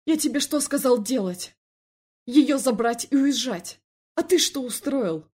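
A hot-tempered older brother in an audiobook shouts and scolds at full volume, as a woman voices him. The voice rises high and strains. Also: animated, unhurried, breathy edge, heavily acted. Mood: shouting.

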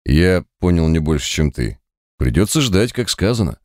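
A man's voice: low-pitched, sing-song, moderate pace, a little mellow, dry recording, clean studio sound. A man voicing a puzzled, impatient male gamer in an audiobook. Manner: impatient, questioning.

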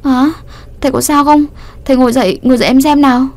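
A feisty teenage schoolgirl from a storybook, quick to flare up and talk back, played by a woman reading aloud. Her voice sits higher and sharper than the narration around it. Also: close to an everyday voice. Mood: alarmed. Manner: indignant and sharp-tongued.

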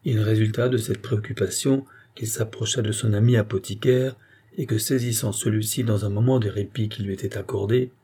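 Male audiobook narrator, steady measured reading, mellow raspy tone. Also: fairly low pitch. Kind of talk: scripted narration.

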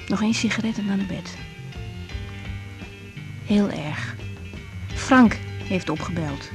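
An actress in a radio drama plays a young woman doctor who is tired, sensitive and caring, voicing both an intimate diary monologue and dialogue. She speaks gently and reflectively in a slightly high voice with a Netherlands Dutch accent.

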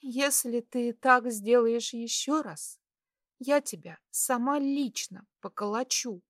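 A woman voicing a tender, tearful young wife who speaks softly and pleads. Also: a little high, unhurried, no room sound, clean studio sound, pitched above the performer's own voice. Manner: soft whispering, pleading.

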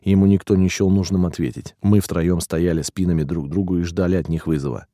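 Deep dark-voiced male audiobook narrator. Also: fairly even intonation, fairly quick, dry recording, clean studio sound. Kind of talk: scripted first-person narration.

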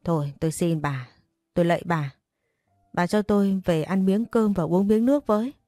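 A woman's voice: fairly low pitch, normal speed, dark tone, no room sound, faint music behind, natural voice. A woman voicing a middle-aged father who pleads with his wife and then grumbles defensively, read as an audiobook story. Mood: pleading.

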